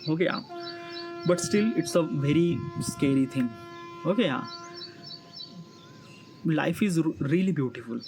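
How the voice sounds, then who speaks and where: A vlogger in his early thirties with an Indian accent speaks to viewers in an unscripted personal monologue, his somewhat high voice halting, repetitive and heavy with fillers. Chirping birds and other ambient noise fill the background of the recording.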